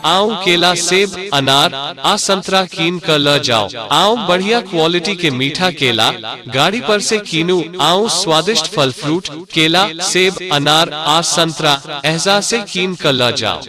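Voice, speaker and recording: Male fruit-cart announcer, Maithili accent, higher-pitched beckoning vendor call, clear music underneath. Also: lively intonation, slow pace. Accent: Maithili, Bihar. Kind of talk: recorded street vendor sales call. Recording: loud music bed under voice. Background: music with devotional song snippets.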